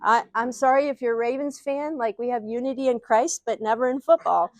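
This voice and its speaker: A middle-aged psychologist from Ohio with a Midwestern accent teaches a live audience earnestly, often asking rhetorical questions. Her voice sits on the high side and is a little mellow, and she talks fairly quickly. The recording is dry.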